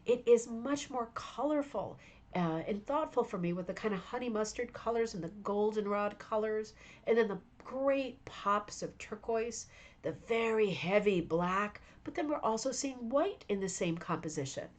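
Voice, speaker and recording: A mid-range, expressive voice at a moderate pace belongs to a woman hosting a rug hooking club stream, a live show-and-tell chat. Weary and growing hoarse, she talks eagerly and at length, chatting with viewers by name.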